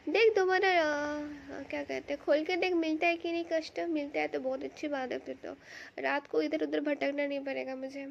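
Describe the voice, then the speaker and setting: A woman streamer chatting casually with her live chat, greeting viewers by name and reading their messages aloud, her voice a little hoarse from a cough. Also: sits high, fairly even intonation, moderate pace, slight background noise. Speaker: game streamer. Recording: dull lo-fi stream audio.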